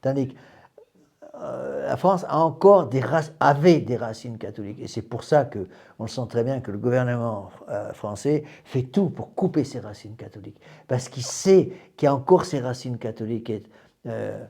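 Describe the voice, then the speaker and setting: A man's voice: mid-range voice, moderate pace, vocal fry, dark tone, husky. A man, a priest, giving a doctrinal class to a small group in an emphatic way, often repeating words and restarting phrases.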